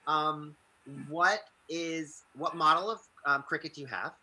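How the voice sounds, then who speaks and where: A man's voice: fairly high pitch, unhurried, pushed and bright. A man hosting casually, asking inquisitive questions and often repeating the answers back. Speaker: host. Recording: noisy room recording.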